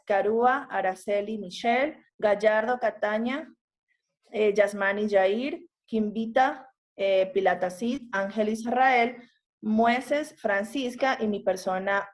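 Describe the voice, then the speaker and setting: Ecuadorian woman, slow and hesitant, introducing a class group. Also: medium pitch. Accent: Ecuadorian Spanish. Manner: hesitant, with frequent fillers, reads out a list of names. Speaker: student group presenter.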